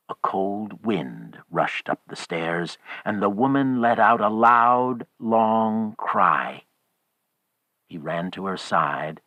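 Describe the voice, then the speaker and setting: A man narrating a horror audiobook in a measured, grave manner. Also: low-pitched, fairly bright tone, dry recording.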